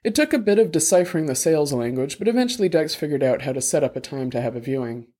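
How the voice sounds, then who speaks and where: Male audiobook narrator, wry, steady, slightly high voice. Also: fast.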